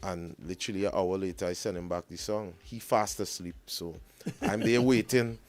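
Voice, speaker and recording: Animated man, lowish voice. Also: normal speed, music in the background. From Guyana. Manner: animated storytelling, laughs often. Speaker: soca artist guest. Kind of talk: casual radio interview. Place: radio studio.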